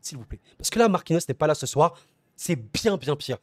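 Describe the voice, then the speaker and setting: Male football channel host, passionate solo debrief, addresses viewers as friends, slightly high pitch. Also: lively intonation, brisk, darkish tone, no echo. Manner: repeats words and restarts phrases while thinking aloud.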